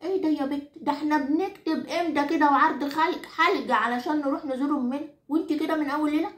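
Fast and high, with fairly even intonation, this woman sounds close to everyday speech, and the recording is reverberant. Her comic monologue has her playing a husband-henpecked Egyptian grandmother close to ninety who scolds, repeats herself, and swears over-the-top oaths in an Egyptian Arabic accent. It's a scolding comic rant aimed at the audience.

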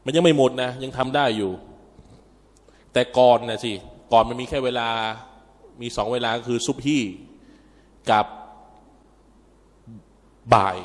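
A man's voice: mid-range voice, measured pace, long pauses. Man lecturing in an echoing mosque. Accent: Thai. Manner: chatty, addresses audience as brothers and sisters, asides and chuckles. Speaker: Islamic religious teacher. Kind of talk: informal religious lecture. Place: mosque hall. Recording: long reverb of a mosque hall.

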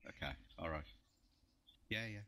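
Male gamer, low voice with a crisp bright tone, animated banter. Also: measured pace. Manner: animated, swears freely. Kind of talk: casual chat while gaming.

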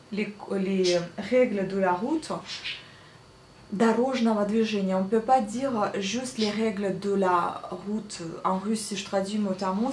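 A woman teaching a casual spoken lesson, slowly repeating each word with care while she writes on a small slate. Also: medium pitch, a little mellow, a little hiss or hum. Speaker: Russian language teacher. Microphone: writes on a small slate while talking. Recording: echoey room, faint ambience.

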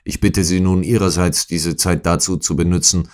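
Man reading as a brisk commanding detective. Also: sits low, fairly even intonation, close to an everyday voice. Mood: urgent. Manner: brisk, urgent, quiet. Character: calm, commanding male detective, middle-aged. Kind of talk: audiobook character reading.

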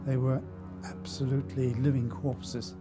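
An older man recalling his youth in an unhurried, storytelling manner, pausing now and then. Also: medium pitch, little pitch movement, music in the background. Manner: measured storytelling with small pauses. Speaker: interviewee recalling wartime occupation. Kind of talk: reminiscing testimony.

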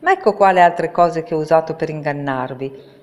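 A woman's voice: sits low, moderate pace, lightly acted. A woman voicing a little bald old man posing as a great wizard, stammering and pleading. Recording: reverberant room.

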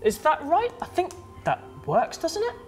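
A woman's voice: high voice, wildly swooping pitch, moderate pace, a little mellow, soft background music. A woman co-presenting a children's show, cheerful and explaining things step by step.

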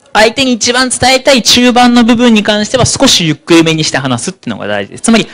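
A man in his thirties delivers a live psychology seminar talk. His delivery is rapid and lively, with a slightly raised pitch that swings widely. He deliberately slows down to land his key points. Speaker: lecturer on psychology.

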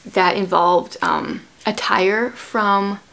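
Drawing out her words in a steady, mid-range voice with vocal fry and a slightly bright quality, a woman in her thirties hosts a casual book chat. She is a homeschooling mother who explains things conversationally and prompts with questions. She sits indoors in a small furnished room at home.

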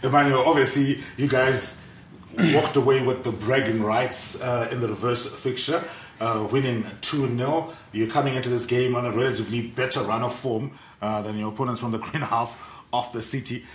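A man's voice: mid-range voice, fairly even intonation, moderate pace, echoey room, slight background noise. A man in his thirties hosting a morning TV sports segment, asking long, probing questions with frequent fillers in a studio. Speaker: TV sports show host. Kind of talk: studio interview.

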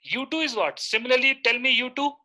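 A man's voice: very high voice, lively intonation, quick pace, bright, forceful tone. A man in his thirties with an Indian accent, teaching a live online lecture and often checking in with short questions.

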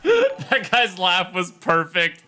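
A man's voice: high-pitched, very animated, normal speed, bright, forceful tone. A man streaming, reacting to videos with amused exclamations and laughter. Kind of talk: live-stream reaction commentary.

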